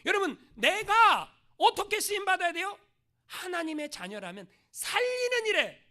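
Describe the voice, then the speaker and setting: Male preacher, emphatic sermon delivery, animated pitch swings, bright. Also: normal speed. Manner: rhetorical questions, emphatic preaching. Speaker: pastor.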